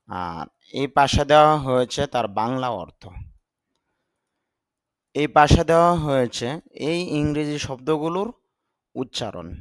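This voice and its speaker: A man's voice: mid-range voice, smooth, no room sound. A man, a Bengali speaker, teaching English vocabulary in a patient step-by-step lesson and spelling words out sound by sound.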